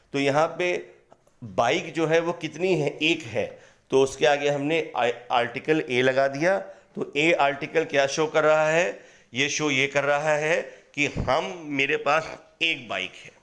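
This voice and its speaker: A man with a somewhat high voice and an Indian accent takes learners through grammar slides one point at a time. He poses questions and answers them himself. He reads each English example sentence slowly and deliberately. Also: a bit bright. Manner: explains step by step, asks and answers his own questions. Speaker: English teacher. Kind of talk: slide-based grammar lesson.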